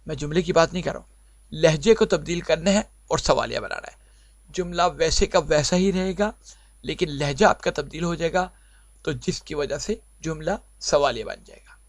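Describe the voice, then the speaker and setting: Male language teacher, pitched a bit high, patient and repetitive, dry close-mic lesson recording. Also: moderate pace, dry recording. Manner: explains patiently, repeating points and asking himself questions. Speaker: English teacher.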